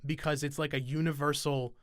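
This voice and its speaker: A man's voice: fairly high pitch, little pitch movement, brisk, no echo. Brief: young male podcast host, loose and rambling, cusses freely, dry close sound. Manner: rambling, swears freely, many fillers and restarts. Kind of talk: casual chat.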